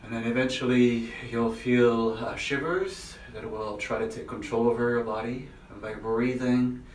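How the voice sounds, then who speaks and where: A man speaking haltingly in short phrases, giving a casual, unscripted instructional vlog from a bathroom. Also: mid-range voice, fairly even intonation. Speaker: vlogger demonstrating an ice bath. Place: indoors in a bathroom by or in a bathtub. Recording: echoey bathroom, distant mic, faint noise.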